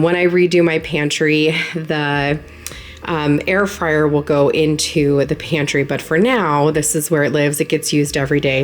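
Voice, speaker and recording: A woman in her thirties, nasal while recovering from a sinus infection, narrating her home organizing in a chatty, friendly way. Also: sits low. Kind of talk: casual voice-over narration.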